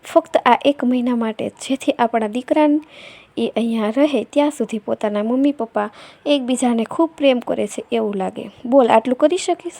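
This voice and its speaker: A devoted wife whose high voice pleads softly with her husband, as a woman narrator puts her on. The recording is dry and close, with no room sound. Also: normal speed, no echo. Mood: gentle coaxing. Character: heartbroken devoted middle-aged wife.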